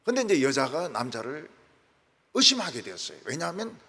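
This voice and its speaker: Gravelly, husky pastor with a lively pitch. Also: male voice, a little fast. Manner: folksy storytelling with wide swings in pitch and volume. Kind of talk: sermon. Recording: echoey church hall.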